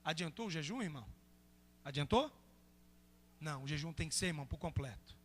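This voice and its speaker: A man's voice: fairly high pitch, expressive, brisk, slight background noise. A man with a Brazilian Portuguese accent, a pastor preaching a sermon in a church and acting out the prayers of his congregation with passion. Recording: long reverb of a church hall.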